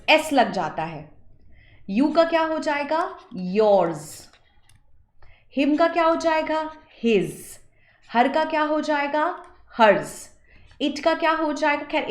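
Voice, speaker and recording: A woman's voice: on the high side, roomy sound. A woman teaching English grammar in an exam-prep class, mixing Hindi and English and quizzing her students before she answers. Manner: mixes Hindi and English, asks students questions and answers them; slow, deliberate English phrases. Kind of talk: online exam-prep lesson.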